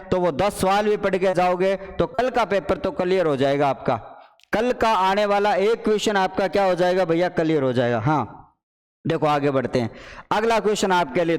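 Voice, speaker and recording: A man teaching a playful, animated online Hindi exam class. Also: high voice, clear, resonant tone, long reverb tail. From Rajasthan. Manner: animated, playful, addresses students as children and brothers. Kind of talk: live online exam paper solution class.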